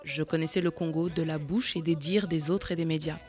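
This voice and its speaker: A woman's voice: sits low, steady tone, fairly quick, a little mellow. A woman raised in France, a festival organizer, speaking earnestly as an interview guest about her event. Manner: earnest and promotional, lists names and plans.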